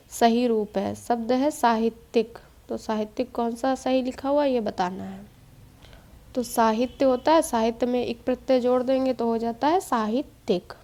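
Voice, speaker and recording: Woman teacher, exam-prep spelling lesson, steady and explanatory, higher pitch, soft warm tone. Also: moderate pace. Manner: steady explaining tone, mixes English quiz terms. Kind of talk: spelling quiz walkthrough lesson.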